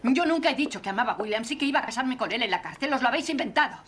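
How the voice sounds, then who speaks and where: A defiant young woman in an old comedy film dub, her voice a touch high. She lashes out bitter and accusing, close to tears. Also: lively intonation, racing, fairly bright tone, breathy edge. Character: Molly, a fiery, wounded young woman, defiant. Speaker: witness.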